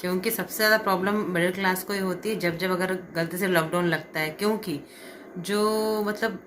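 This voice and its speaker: A woman's voice: on the low side, steady tone, moderate pace, fairly bright tone, slight background noise. Chatty homely woman vlogging. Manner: chatty, homely, talks over tea about chores. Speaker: vlogger, co-host. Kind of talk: casual home chat. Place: living room at home.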